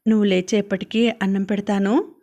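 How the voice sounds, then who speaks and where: A woman voicing a poor, gentle, worn-out village mother who speaks softly in a storybook reading. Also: medium pitch, fairly even intonation, moderate pace, close to an everyday voice. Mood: tender.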